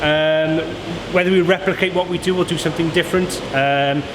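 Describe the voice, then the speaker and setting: A man's voice: fairly high pitch, steady tone, a little fast. A man informally answering interview questions as a brewer showing visitors around. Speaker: brewer giving a tour of the brewery. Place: inside an echoey working brewery. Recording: echoey, noisy brewery with machinery hum.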